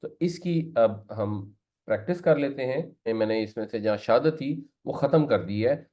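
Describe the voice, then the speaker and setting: A man's voice: medium pitch, animated, warm tone. A man teaching a lesson on Arabic grammar, explaining step by step and slipping English words into his talk. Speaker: Quran teacher. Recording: slightly muffled lo-fi recording.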